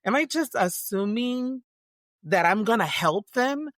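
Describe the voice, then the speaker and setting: A middle-aged woman from Tonga speaks as a guest in a relaxed interview. She thinks aloud, circling back and restarting her sentences. Her voice sits at a middle pitch and is recorded close and dry. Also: unhurried, dry recording. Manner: reflective, many restarts and fillers. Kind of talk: casual interview conversation.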